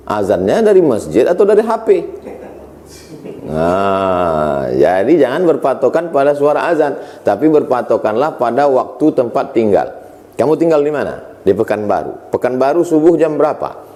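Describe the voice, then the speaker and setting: A man's voice: mid-range voice, big pitch swings, moderate pace, dark tone. A man giving an Islamic religious lecture, reciting Arabic verses and translating them, asking rhetorical questions and answering them himself. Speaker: Islamic preacher.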